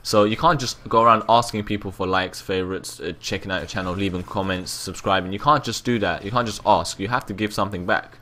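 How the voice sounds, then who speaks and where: Rambling young London man, bright voice. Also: fairly low pitch, fairly even intonation, fast talker, hardly any pauses. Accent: London English. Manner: rambling, repeats words, casual swearing. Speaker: gameplay commentator. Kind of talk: casual gameplay commentary.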